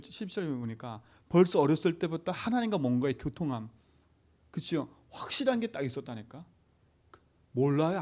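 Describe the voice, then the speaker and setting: A man's voice: on the high side, a little mellow. A man preaching a sermon to a youth service, emphatic, who keeps asking the congregation short questions for agreement. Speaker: pastor.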